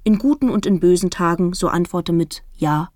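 A woman voicing a solemn male priest who preaches in a measured, formal way. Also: on the low side, a little mellow, close to an everyday voice.

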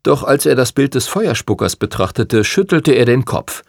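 Male audiobook narrator, measured storytelling, husky voice, dry sound. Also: mid-range voice, big pitch swings, dry recording. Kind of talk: scripted narration.

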